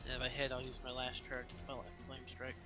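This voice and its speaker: A man's voice: mid-range voice, monotone, fast talker. Guy at a tabletop game saying his character's moves, casual, music playing behind him. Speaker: tabletop roleplaying game player.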